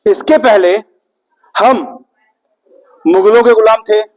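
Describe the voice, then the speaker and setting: Speaking at an Independence Day event, a young man addresses an audience in a high, slow voice over a rough recording. His speech is rhetorical and repetitive, and he puts questions to the listeners.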